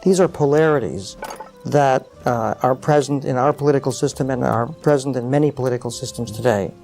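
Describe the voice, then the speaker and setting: Mellow-voiced middle-aged man musing. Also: medium pitch, brisk, vocal fry, soft background music. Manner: thoughtful, many uh fillers, animated explaining. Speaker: interview guest, psychologist. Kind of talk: reflective interview conversation.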